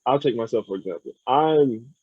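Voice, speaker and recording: A man's voice: medium pitch, expressive, normal speed, slightly rough, no room sound. A young American man, a podcast guest, talking earnestly and thoughtfully, often repeating words as he thinks. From United States. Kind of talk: casual podcast conversation. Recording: dry, phone-like sound.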